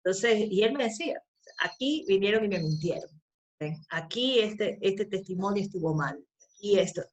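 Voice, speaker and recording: A woman's voice: medium pitch, expressive, moderate pace. A woman teaching a law class, stressing points by repeating them and checking in with tag questions. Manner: emphatic, repeats key phrases, frequent tag questions. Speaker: law lecturer. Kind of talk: lecture.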